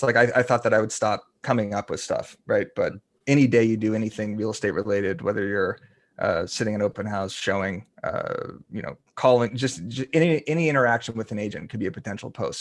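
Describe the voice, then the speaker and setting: A man who is a guest on a podcast, chatting casually in a joking, laid-back way. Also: lowish voice. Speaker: guest, content creator.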